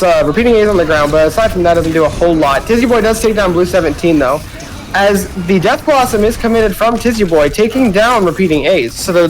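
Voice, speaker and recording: A man casting a game live in quick, casual play-by-play while his mic peaks into clipping distortion. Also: high-pitched. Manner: quick, casual, chatty calls. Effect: peaking mic with clipping distortion. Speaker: esports caster.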